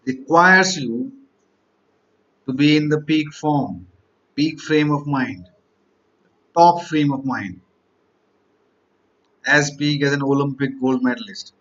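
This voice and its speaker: A man's voice: mid-range voice, fairly bright tone, dull audio. Man giving a motivational lecture. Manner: rhetorical, piles up repeated questions and lists. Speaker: exam-prep teacher.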